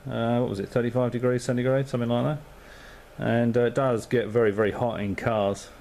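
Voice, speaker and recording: A man from Perth, Western Australia, an amateur radio operator, chats on air in an easygoing, rambling way, full of fillers and signing off with call signs. His medium-pitched voice is level, brisk, a little mellow and has vocal fry. Through the radio transceiver microphone there's a bit of hiss or hum.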